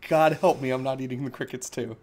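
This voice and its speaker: A mid-pitched man co-hosting a live gaming stream. He rambles in a casual, self-deprecating way and loses his train of thought now and then. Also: fairly even intonation, fast, darkish tone. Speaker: co-host of a gaming show.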